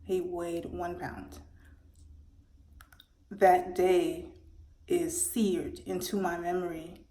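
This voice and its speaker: A woman in her forties earnestly recounting a personal story, often halting and restarting her words. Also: lowish voice, little pitch movement, mellow. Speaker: mother telling her birth story. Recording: roomy echo.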